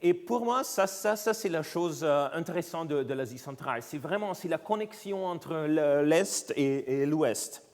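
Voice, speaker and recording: Halting man lecturing in foreign-accented French. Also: fairly high pitch, animated, darkish tone. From Austria. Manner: halting, searching for words in a non-native language. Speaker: visiting scientist giving a guest lecture. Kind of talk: academic lecture. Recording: lecture hall with long reverb.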